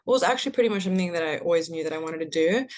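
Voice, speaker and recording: A South African woman talks informally as a student on a panel. Her voice is a little low as she shares her experience in conversational style. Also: expressive, racing. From Cape Town, South Africa. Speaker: master's student. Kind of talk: casual testimonial on a panel chat.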